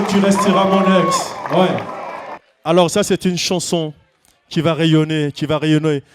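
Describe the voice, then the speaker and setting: A man hosting a live show, briskly urging the audience to applaud and introducing the next act. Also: fairly high pitch, background noise. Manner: brisk, hyping up the crowd. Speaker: show host and announcer. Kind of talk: live stage announcing. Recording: live show with a cheering crowd.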